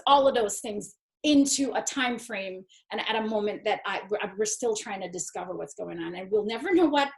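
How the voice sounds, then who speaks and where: A woman moderating a college talk, speaking thoughtfully and pausing often to search for words before reading out a guest's bio. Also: a little high, low-quality recording. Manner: thoughtful, searching for words, frequent restarts and fillers. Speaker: event moderator.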